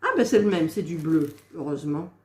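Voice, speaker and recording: A woman chatters casually through a craft vlog, talking to herself while looking for missing pieces and venting exasperated asides at viewers. She has a deep voice and speaks fairly quickly, in an echoey room with faint noise.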